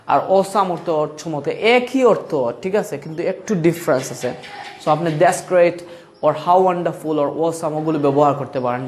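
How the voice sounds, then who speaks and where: A man with a Bengali accent teaching spoken English to beginners, switching between languages, calling the listener brother and repeating each phrase slowly. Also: a little high, slight background noise.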